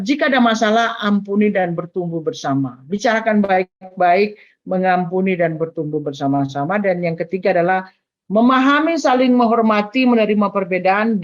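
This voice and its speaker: A woman's voice: mid-range voice, moderate pace. An older grandmother giving an earnest, advising talk on family life, with frequent fillers. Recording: dull lo-fi sound.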